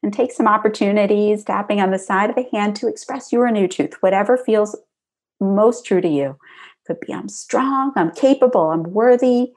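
Breathy, calm female guide for a tapping exercise; soothing, mid-pitched, middle-aged. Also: moderate pace. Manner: calm, soothing guidance with spoken affirmations. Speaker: tapping practitioner guiding a session.

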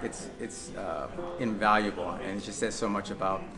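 A man giving a sincere testimonial after a seminar, pausing with fillers and trailing off quietly. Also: lowish voice, fairly even intonation, over a noisy crowd. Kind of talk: testimonial interview. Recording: loud music underneath.

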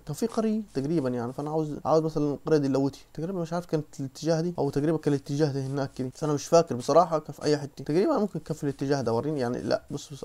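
A young man with an Egyptian Arabic accent, chatting excitedly through a game playthrough as a channel host, coaxing the animals and talking to viewers. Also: fairly high pitch. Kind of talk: Minecraft let's-play commentary.

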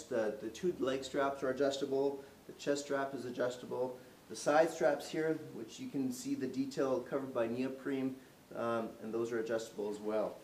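In a medium-sized indoor showroom, a man in his forties with a mid-range, darkish voice moves around while casually demonstrating a product's features unscripted, using fillers and restarts. A distant camera mic picks him up with roomy echo and faint hiss.

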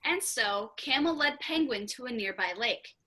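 A woman teacher reads a children's picture story aloud over a video call. Her voice is high and bright, and she colours every sentence for young listeners. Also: moderate pace, rough recording. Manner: expressive, animated reading. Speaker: theatre teacher.

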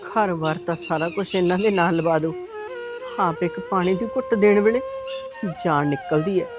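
A woman's voice: fairly low pitch, moderate pace, music in the background, natural voice. A woman playing a frail old mother-in-law who pleads and complains in a sighing voice in an amateur short film. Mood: plaintive.

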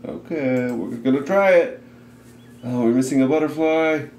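A man's voice: mid-range voice, normal speed, darkish tone, slight background noise. A man giving casual gameplay commentary, swearing and laughing easily. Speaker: let's play co-host. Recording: echoey room, faint game music.

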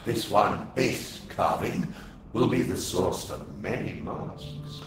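An actor voicing an old, patient, solemn mask-maker mentor in a video game, giving measured instruction. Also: male voice, lowish voice, animated. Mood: instructive. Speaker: game tutorial guide. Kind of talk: theatrical game narration. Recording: echoing, with game music behind.

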